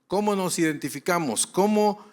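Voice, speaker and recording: A man's voice: high-pitched, moderate pace, darkish tone. A male pastor giving a conference lecture to other pastors, repeating key phrases for emphasis and asking and answering his own questions.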